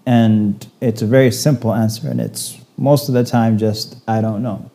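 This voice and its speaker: A man who is a guest on a podcast, speaking in measured casual chat with dry, teasing humor. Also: lowish voice, fairly even intonation, creaky, dark tone. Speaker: podcast guest, Islamic scholar.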